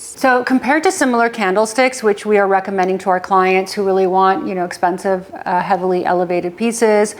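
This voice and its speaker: A woman hosting her home decor channel as an interior designer, talking in an enthusiastic, chatty and emphatic way. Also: medium pitch.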